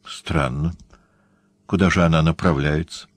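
A man voicing a cool-headed Jesuit priest who asks measured, probing questions. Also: rumbling low, steady tone, dry recording. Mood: calm.

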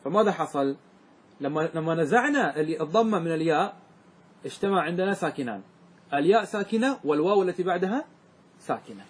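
A man teaching Arabic grammar as a sheikh, walking his class through word forms step by step and asking often whether it is clear. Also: fairly high pitch, animated. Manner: keeps checking that students follow, asking if it is clear; slows and repeats words to stress their forms.

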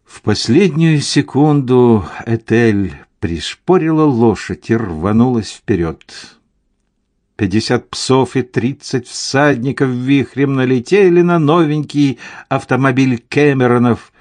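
A man narrating a novel aloud in an expressive storytelling manner, voicing each character himself. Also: medium pitch, takes it slowly, no echo. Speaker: audiobook narrator. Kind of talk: scripted narration.

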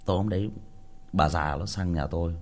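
A man's voice: low-pitched, a little fast, darkish tone. A man telling a childhood story in a crude, colloquial way. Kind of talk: casual storytelling.

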